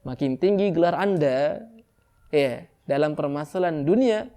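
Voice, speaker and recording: A middle-aged man preaching a sermon to a congregation, lively, often acting out people in high excited voices. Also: unhurried, smooth.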